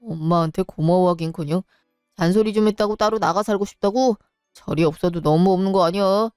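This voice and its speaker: A woman's voice: a little fast, darkish tone, clear, resonant tone, no room sound, clean studio sound, faint music behind, lightly acted. Woman doing a pleading, defensive young husband. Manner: lowered, pleading tone. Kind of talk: storybook voice acting.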